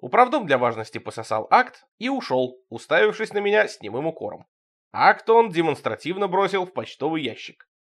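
A man with a fairly high voice reads a surreal comic story aloud. His pitch leaps around animatedly, and he jumps between loud bursts and quiet, muttered asides. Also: big pitch swings, brisk. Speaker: narrator reading a surreal story. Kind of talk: expressive literary reading.

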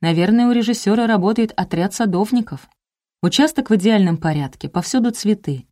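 A woman narrating a detective novel in the first person, with even, wry storytelling. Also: mid-range voice, fairly quick. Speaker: audiobook narrator.

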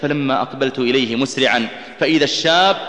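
A man's voice: fast, pushed and bright. A man preaching an emotional sermon, telling stories with rising passion and chanting scripture in a melodic recitation. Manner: impassioned, voice climbing high and tense at dramatic peaks. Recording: echoey hall with long reverb.

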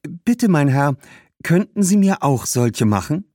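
Male narrator doing a bright young village girl, eager and earnest, lively, dry sound. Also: a little high, moderate pace, no echo, pitched above the performer's own voice. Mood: polite, hopeful.

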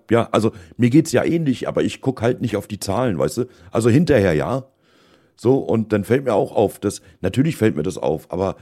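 A man's voice: on the low side, warm tone. A man co-hosting a podcast, chatting casually about his livestreams, telling rambling anecdotes full of fillers. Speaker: podcast co-host and streamer. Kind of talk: casual chat.

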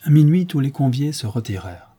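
A man narrates a classic novella in a measured, expressive way. His voice is mellow and warm, with a husky, slightly rough texture. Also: mid-range voice. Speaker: audiobook narrator. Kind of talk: reading a 19th-century novella aloud.

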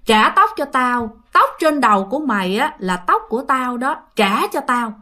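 A woman's voice: high-pitched, very animated, pushed and bright, heavily acted. Woman voicing a droning vengeful girl ghost. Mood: menacing. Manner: slow, droning repetition. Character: vengeful young female ghost demanding hair.

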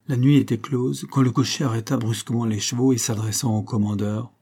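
A man reading a classic story aloud in a measured, even narrating manner. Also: mid-range voice, slightly rough. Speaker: audiobook reader. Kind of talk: scripted literary narration.

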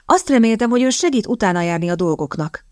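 A woman's voice: medium pitch, animated, a little mellow, no echo, studio quality, pitched above the performer's own voice, lightly acted. A woman voicing a determined young woman in an audiobook, speaking in a coaxing, persuasive manner. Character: sharp, determined young woman seeking a husband.

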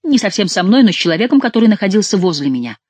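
A rattled young nobleman in a storybook reading, as the narrator puts him on, answering with dry irony. The voice sits at a middle pitch. It is recorded close and dry, with no room sound. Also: very animated, very fast, darkish tone, no room sound. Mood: wry. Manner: ironic, dryly joking. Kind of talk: audiobook reading.

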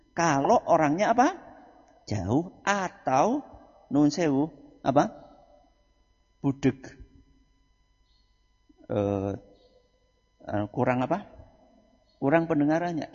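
A male Islamic preacher, giving a lecture, quizzing his audience and answering himself, dropping quiet then rising loud for emphasis. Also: sits high, breathy edge. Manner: asks the audience questions and answers them himself. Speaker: Islamic preacher teaching a book study. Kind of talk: religious lecture. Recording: muffled hall recording.

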